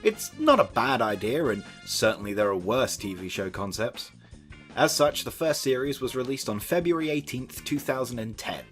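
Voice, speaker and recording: A man's voice: medium pitch, sing-song, moderate pace, fairly bright tone, soft background music. A young man narrating a scripted video essay with sardonic asides and the odd swear word.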